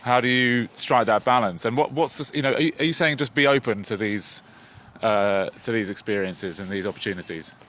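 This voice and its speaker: A man's voice: on the low side, a little fast, fairly bright tone, slight background noise. A man co-hosting a podcast on a walk outdoors, asking rambling, hesitant questions. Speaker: podcast co-host, interviewer. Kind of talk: casual walking conversation.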